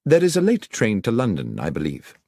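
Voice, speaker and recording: Audiobook gentleman sleuth, voiced by a man: precise, probing, commanding, very animated intonation. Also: lowish voice, gravelly, no room sound, studio quality, pitched above the performer's own voice, exaggerated voice. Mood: brisk questioning. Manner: brisk, precise, questioning. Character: Sherlock Holmes, keen, commanding gentleman detective. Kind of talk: audiobook character voice.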